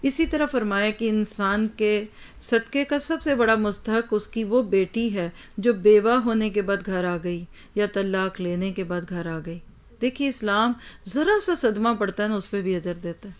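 A woman giving an Islamic lecture, teaching earnestly and addressing her listeners directly, on a slightly dull recording. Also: mid-range voice. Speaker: religious lecturer.

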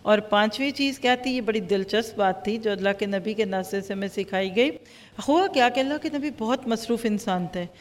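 A woman teaching a Quran lesson, lively and acting out everyday dialogues as examples. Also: a little high, in a large hall. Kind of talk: religious lecture.

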